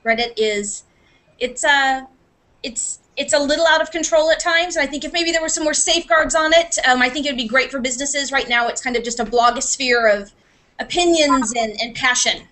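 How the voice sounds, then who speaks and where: A woman guest speaker in a casual video call chat, agreeable and quick to affirm. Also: sits high, bright, forceful tone.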